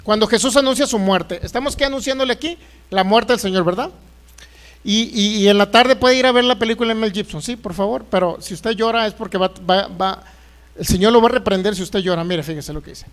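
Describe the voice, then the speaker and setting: A man's voice: high voice, fairly quick. A man preaching a sermon as pastor, asking the congregation questions and acting out Bible figures. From Mexico. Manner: lively preaching, acts out voices of Bible figures, rhetorical questions.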